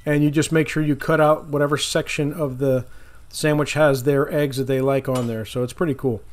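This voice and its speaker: With a sizzling griddle in the background, the Floridian host of a lakeside cooking video chats at a slightly fast clip in a medium-pitched voice. There's a little hiss or hum, and his relaxed, rambling talk includes self-corrections and chuckles over minor errors.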